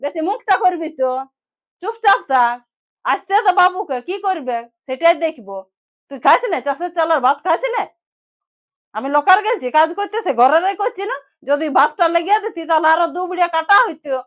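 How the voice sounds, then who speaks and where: A woman's voice: very high voice, expressive, a little fast. An actress playing a middle-aged farming mother-in-law with a Purulia Bengali accent, who grumbles and scolds. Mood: scolding. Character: nagging village mother-in-law, a hard-working farmer. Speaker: actor in a village drama.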